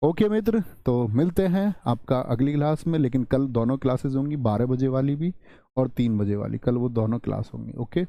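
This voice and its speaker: A man teaches a live online Hindi grammar lesson in a very dark, mellow voice. He says his example sentences slowly, stressing and repeating them, and keeps putting questions to the students. The sound is dry and close to the mic. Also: mid-range voice, creaky, no echo. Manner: asks the viewers questions and answers them himself. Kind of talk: live online exam-prep class.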